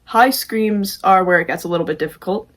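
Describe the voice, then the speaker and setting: Female amateur vocalist as tutorial host: informal, self-deprecating, medium-pitched, conversational delivery. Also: a little fast, heavy background noise. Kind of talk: casual video tutorial.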